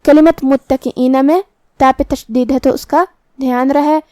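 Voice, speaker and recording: A woman teaches the rules of Quran recitation at a slow, careful pace. Her voice sits high and stays level, with little melody. The sound is close and dry. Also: steady tone, mellow, no echo. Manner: slow, careful explanations with demonstrated words. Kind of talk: tajweed lesson explaining pronunciation rules.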